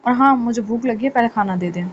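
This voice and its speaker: A woman reading an audio novel, voicing a blunt, sarcastic young son with a lowered voice. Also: fast talker, muffled recording, a little hiss or hum, lightly acted. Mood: dismissive.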